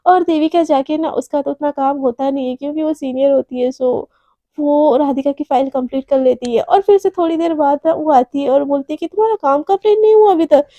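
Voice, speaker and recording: Young woman storyteller, high mellow voice, chatty filler-laden narration, close dry mic. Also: fairly even intonation, brisk, dry recording. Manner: chatty, filler-heavy, mixes English words.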